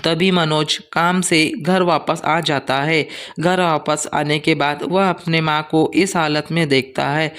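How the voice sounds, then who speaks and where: A man narrating a cartoon story in a measured, plain storytelling manner. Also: fairly high pitch, fairly even intonation, fairly bright tone, clear, resonant tone.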